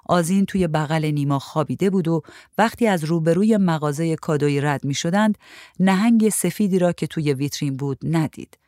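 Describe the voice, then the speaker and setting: A woman narrating a short story in a measured, even reading. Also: sits low, no room sound, studio quality.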